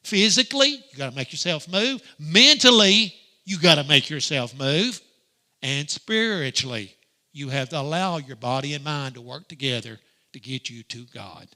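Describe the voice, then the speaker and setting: A middle-aged man teaching a Sunday school lesson in a preaching style, emphatic and swinging from loud to hushed. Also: a little high, expressive, moderate pace. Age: grandparent age, middle-aged or older.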